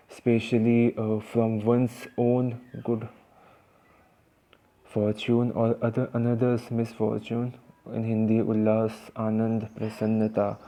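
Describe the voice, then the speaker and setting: Speaking in a lowish, mellow voice over lo-fi audio, an Indian-accented man teaches English vocabulary informally. He sounds casual and hesitant, often using fillers and starting over.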